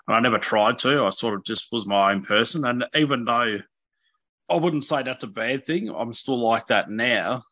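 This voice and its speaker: Here an Australian interview guest in his early thirties talks openly, hesitant and self-deprecating in an informal way. His mid-range voice has a sharp tone and moves at a moderate pace. The audio is dry, dull and lo-fi, much like radio.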